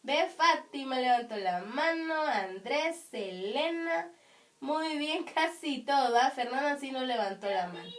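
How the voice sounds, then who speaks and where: Woman teacher, high strong voice, slow unhurried delivery, sounds a bit off-mic. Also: far from the mic. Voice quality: high but strong, carrying voice. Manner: patient, explains slowly with frequent questions. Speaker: primary school teacher. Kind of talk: online class for children.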